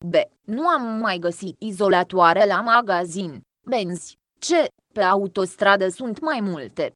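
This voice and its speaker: A woman's voice: mid-range voice, dry recording. Woman reading a grammar textbook, dry sound. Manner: even, measured reading of exercises and definitions. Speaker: textbook reader. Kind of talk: reading a textbook lesson aloud.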